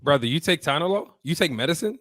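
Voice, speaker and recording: A man hosting a casual comedic podcast in slangy, repetitive banter, his voice raspy and worn from partying. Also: a little high, expressive, quick pace, fairly bright tone, no room sound, studio quality. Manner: bantering, slangy, repeats phrases. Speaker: podcast host.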